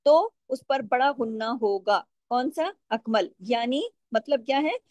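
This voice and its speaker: Female tajweed teacher, high voice, close and dry sound, patient question-and-answer delivery, slow drawn-out recitation of examples. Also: animated, a little mellow, no echo. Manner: patient, asks questions and answers them herself; stretches out recited words slowly. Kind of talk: step-by-step tajweed lesson.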